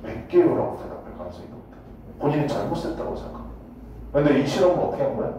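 Guy teacher lecturing a class, jokey and crude, voice bounces all over, kinda high and lively, sounds far off in a big echoey classroom. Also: racing, background noise. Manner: blunt, joking, swears casually, keeps asking students "got it?". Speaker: high school English teacher.

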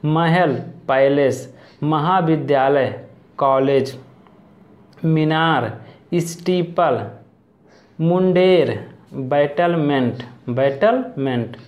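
A man teaching English vocabulary, slowly reading each word and then its English equivalent, often repeating it. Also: fairly high pitch.

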